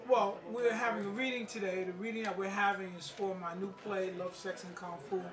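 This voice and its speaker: With a high-pitched, level voice moving a little fast, a middle-aged playwright and martial arts master talks informally and emphatically in a plain-spoken, street-wise style. The setting is an informal spoken interview and presentation at an indoor gathering for a play reading. A distant mic picks up a roomy space and background people.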